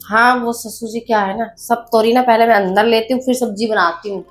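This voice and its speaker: A woman's voice: on the high side, steady tone, fairly quick, faint music behind. A woman acting a sassy, bantering wife in a comedy sketch. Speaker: comic actress.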